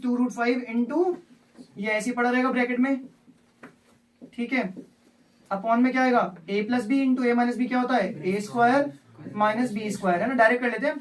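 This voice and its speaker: A man's voice: very high-pitched, slight background noise. A male maths teacher giving a live lesson in a classroom, walking through each step aloud and repeatedly quizzing his students. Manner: repeats steps, asks class questions. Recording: distant from mic.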